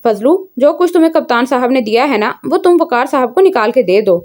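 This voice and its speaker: A woman's voice: sits high, expressive, a little fast, darkish tone. A woman voicing a proud young heroine who speaks with indignation in a storybook reading. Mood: indignant. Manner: indignant, fiery.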